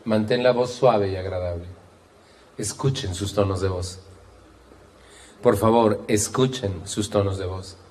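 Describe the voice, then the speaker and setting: Brief: Mexican man, middle-aged, lively anecdotal talk with playful voice impressions. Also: lowish voice, a little slow, long pauses. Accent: Mexican Spanish. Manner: animated storyteller, acts out voices, wry humor. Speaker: speaker on communication.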